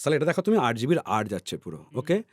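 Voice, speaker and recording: A man's voice: mid-range voice, very animated, quick pace. Guy explaining stuff on a podcast, keeps going "all right?", dry close sound, no echo. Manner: teacherly, checks in with "all right?" often; repeats words, trails off softly. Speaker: podcast guest.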